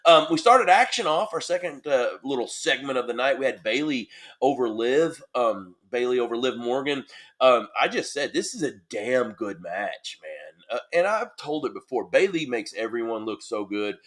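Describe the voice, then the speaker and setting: A man hosting a solo podcast, talking in an excitable, casual way with lots of fillers and the odd swear. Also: medium pitch. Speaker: podcast host. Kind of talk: solo podcast wrestling recap.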